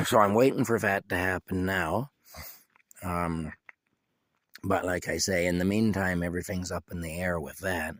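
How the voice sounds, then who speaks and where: Low-voiced sick man rambling. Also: pushed and bright, dry recording. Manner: rambling and halting, with frequent restarts and coughs. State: sick with a cough. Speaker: vlogger giving a personal update. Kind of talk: casual rambling video update. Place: inside his camper.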